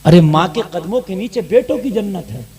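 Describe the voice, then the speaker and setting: Man, very high pitch, fiery sermon, shouts at the crowd. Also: lively intonation, brisk. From India. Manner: fiery, rising to shouts, addressing the crowd directly. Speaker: mufti preacher. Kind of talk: sermon to a gathering.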